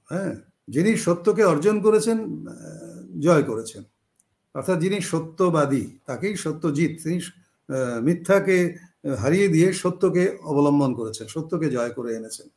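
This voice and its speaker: A man giving a spoken lecture on spelling and word roots, explaining slowly with frequent pauses and self-corrections. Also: a little high, a little mellow. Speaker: teacher.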